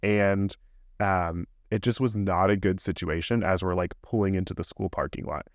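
A man's voice: low-pitched, fairly even intonation, normal speed, no echo, clean studio sound. A man in his thirties, a podcast co-host, telling a candid, rambling story in casual chat.

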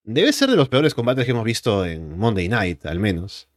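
A man recapping and reviewing wrestling as a show commentator, in a measured, matter-of-fact way. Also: fairly low pitch, big pitch swings, no room sound, clean studio sound.

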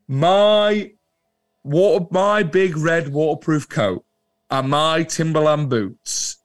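A man's voice: on the high side, takes it slowly, dry recording. A young man co-hosting a podcast in casual conversation, emphatic and repeating himself for effect. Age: younger adult. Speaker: podcast co-host. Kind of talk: casual chat.

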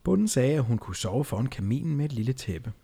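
A man's voice: mid-range voice, sing-song, creaky, dark tone, husky. A man reading a fairy tale aloud and joking with friends in casual chat. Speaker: storyteller and podcast host.

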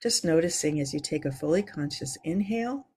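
A woman leads a calm grounding meditation as host, giving slow, measured, soothing instructions. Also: low voice, husky. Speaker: host leading a guided breathing exercise.

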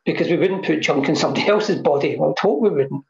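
Guy on a video call, kinda gravelly, reflective and repeats himself for emphasis, dull muffled audio. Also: a little high, quick pace, darkish tone, echoey room. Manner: thoughtful, repeats phrases for emphasis. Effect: heard over a video call. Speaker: guest. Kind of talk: reflective interview talk on mindfulness. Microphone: computer mic on a video call.

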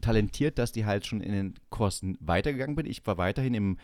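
A man's voice: lowish voice, fast talker, dry recording, studio quality. A young man telling a long personal story in casual chat, acting out the voices of the people in it. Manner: animated storyteller acting out quoted dialogue. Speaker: podcast co-host.

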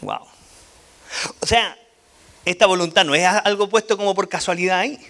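High bright-voiced man teaching scripture. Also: a little fast. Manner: animated, asks the audience questions. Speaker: church teacher. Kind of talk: bible teaching talk.

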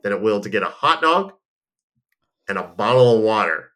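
A man's voice: fairly low pitch, sing-song, moderate pace, a bit bright. A man hosting a casual podcast, chatting in an easygoing, rambling way and reading a sponsor spot. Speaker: podcast host. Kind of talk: casual chat and live ad read.

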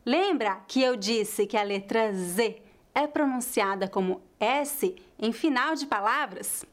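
A slow, careful woman teacher from Northeast Brazil, with a mixed Brazilian Portuguese accent that leans toward São Paulo. She has a fairly high voice and walks through each pronunciation point deliberately, repeating the example words. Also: expressive. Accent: mixed Brazilian Portuguese, closest to São Paulo. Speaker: language teacher. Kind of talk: pronunciation lesson.

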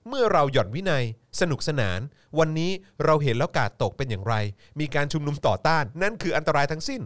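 A man's voice: fairly high pitch, very animated, fast talker. A man co-hosting a casual political talk show, sarcastic and swearing freely as he mocks the news. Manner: sarcastic, swears freely, laughs while mocking. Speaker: podcast co-host. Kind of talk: casual political commentary chat.

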